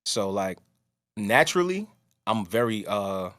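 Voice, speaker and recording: This podcast host has a lowish, a bit bright voice with big pitch swings and an unhurried pace. He speaks casually and strongly, rambling along and often restarting his sentences.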